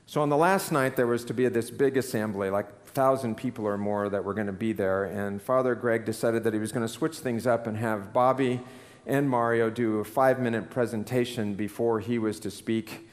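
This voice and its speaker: A man giving a sermon, telling a story in an earnest, unhurried way. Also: on the low side, fairly even intonation, big-room sound. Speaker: preacher.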